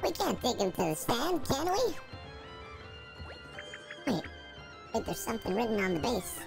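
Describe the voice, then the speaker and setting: A gamer reading a cheerful young origami girl companion's lines through a voice changer that pitches his voice up, bubbly and sing-song. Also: very animated, measured pace, gravelly, over music, exaggerated voice. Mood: excited. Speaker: let's play gamer reading a character's lines.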